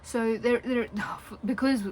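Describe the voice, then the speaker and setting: A woman giving a casual general tarot reading to her viewers, chatty and rambling, drifting now and then into soft whispers. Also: fairly high pitch, steady tone, slow, a little hiss or hum, low-quality recording. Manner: chatty and rambling, talks a lot. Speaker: tarot reader.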